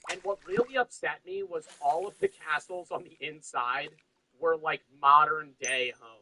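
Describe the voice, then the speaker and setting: Give me a young man on a stream with a slightly high voice, rambling casual chat full of swearing. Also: bright, forceful tone, poor audio. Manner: rambling, swears, laughs often.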